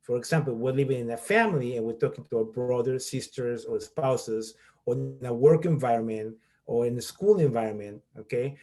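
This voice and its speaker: A middle-aged Peruvian man speaks fairly quickly in a dark, medium-pitched voice while leading an online workshop. As a college professor, he explains things methodically, step by step, and often checks understanding with "okay?".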